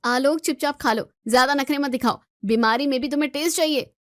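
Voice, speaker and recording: A woman's voice: high voice, a little fast, a bit bright, no echo, studio quality, voice pushed down. Woman doing a scolding young daughter-in-law. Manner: scolding, pleading.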